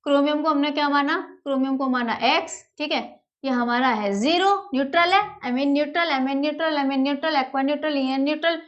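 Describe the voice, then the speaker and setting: A woman's voice: high-pitched, brisk, muffled recording. A woman teaching chemistry at a whiteboard, affectionately calling her students "beta", repeating key terms and answering her own questions. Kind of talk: whiteboard lesson, explaining step by step.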